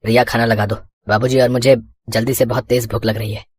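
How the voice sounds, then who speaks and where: A woman's voice: extremely low pitch, flat delivery, brisk, breathy edge, dry recording, studio quality, voice pushed down. A woman voicing a stern, protective young adult son who scolds his wife in a storybook cartoon. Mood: pleading.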